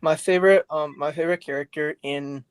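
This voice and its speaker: A man chatting casually about voicing characters in a fan production, animated and full of restarts. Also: on the high side, a little fast, smooth, dry recording. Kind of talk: casual group chat.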